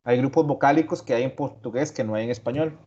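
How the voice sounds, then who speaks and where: A man's voice: mid-range voice, fast talker, warm tone. Man lecturing with a dull lo-fi sound. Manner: explains step by step, repeats key words, asks rhetorical questions. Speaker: teacher. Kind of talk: online class lecture. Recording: dull lo-fi audio.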